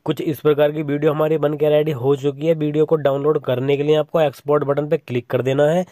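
A young man hosts a tutorial channel, walking through steps over a screen recording of his phone. His voice is a little high and fast, captured in a dry, studio-quality recording. He delivers steady instructions and keeps repeating the word "simple."

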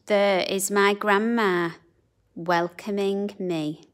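A woman reads a picture book aloud to young children, unhurried and sing-song. Her voice sits in a middle register, and she lingers over each line with gentle expression. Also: medium pitch, steady tone. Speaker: children's storybook reader. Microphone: camera above a book on a table.

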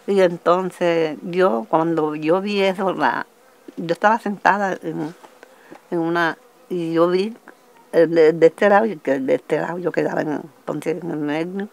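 An older woman from Colombia's Magdalena region with a Caribbean coastal accent, giving halting oral testimony and acting out quoted voices as she goes. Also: low-pitched, creaky. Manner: halting, restarting storytelling that acts out quoted voices. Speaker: interviewee, witness.

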